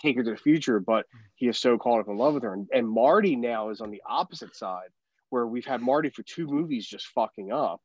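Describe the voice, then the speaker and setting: A man's voice: medium pitch, fairly quick, no room sound. Male podcast co-host, rambling casual film talk, dull lo-fi dry mic. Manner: rambling, many restarts and fillers.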